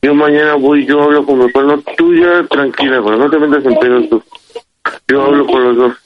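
A Mexican man on a phone call, speaking to calm his sister and promising to handle things himself. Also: mid-range voice, brisk, noisy background. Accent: Mexican Spanish. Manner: calm at first, then swearing and threatening. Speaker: prank call victim.

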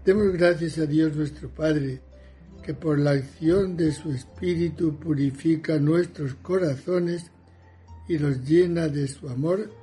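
Man, prayer leader, solemn liturgical recitation, slow measured pace, soft mellow tone, music behind. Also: a little high, poor audio.

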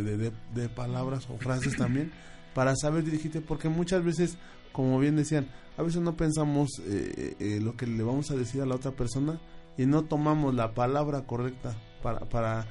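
A man hosting a faith talk show, reading out viewer questions with many halting restarts. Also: mid-range voice, warm tone.

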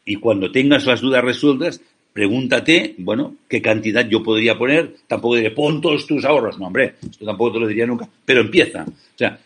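Earnest, persuasive male interviewee from Spain, husky and mid-pitched. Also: brisk, fairly bright tone. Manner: passionate, persuasive, rhetorical questions. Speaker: ethical banking founder, interview guest.

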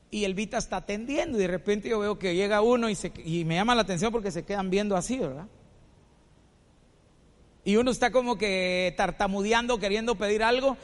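High, bright-voiced preacher in a reverberant hall. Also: male voice. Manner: animated storytelling, asks rhetorical questions. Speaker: pastor. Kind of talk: sermon.

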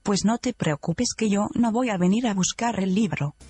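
A text-to-speech woman's voice that reads a caller's typed lines in a flat, robotic way. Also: mid-range voice, moderate pace, breathy edge, faint music behind. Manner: flat, clipped, robotic delivery.

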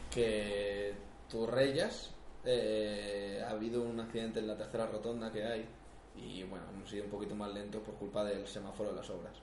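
A man co-hosting a podcast, lively and quick to jump in during casual banter. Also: fairly low pitch, far from the mic, slight background noise. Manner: lively, quick to laugh and interrupt. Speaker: podcast co-host. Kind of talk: casual banter among friends. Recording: echoey room.

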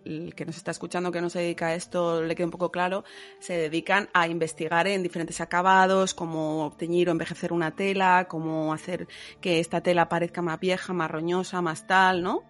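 A woman's voice: lowish voice, little pitch movement, brisk, soft background music. A woman explaining things informally as a co-host, often checking with tag questions. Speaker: podcast co-host. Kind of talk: casual explanatory chat.

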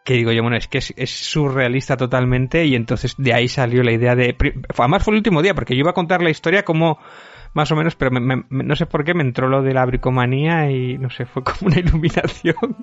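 A man's voice: mid-range voice, fast, no room sound. A man from Spain hosting a podcast, chatting in a rambling, self-deprecating way with lots of fillers. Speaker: podcast host. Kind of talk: casual chat. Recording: dry, dull lo-fi audio.

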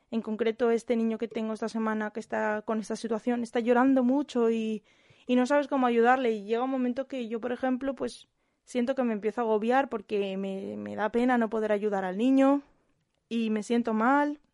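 A young woman from Spain with a Spanish accent, a kindergarten teacher, gives a calm, reflective monologue full of hesitant restarts. Her voice is on the high side, and the studio-quality recording has no echo.

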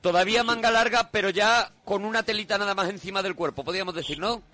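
A man's voice: high voice, quick pace, sharp tone. A male radio host doing comic banter, teasing a caller with mock-serious questions.

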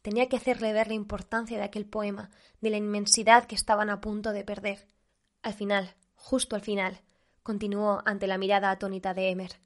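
A woman narrating a story in a measured reading voice. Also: mid-range voice, little pitch movement.

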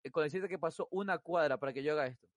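A man's voice: on the high side, racing, dry recording, studio quality. A young man, telling anecdotes in a casual chat with friends and acting out what people said. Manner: lively storyteller, acts out what people said.

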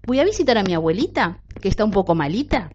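A woman's voice: medium pitch, big pitch swings, quick pace, a little hiss or hum, natural voice. A woman voicing a sweet, eager little girl in a red cape for a storybook tale. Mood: innocent. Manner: bright, eager, childlike. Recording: dull lo-fi recording.

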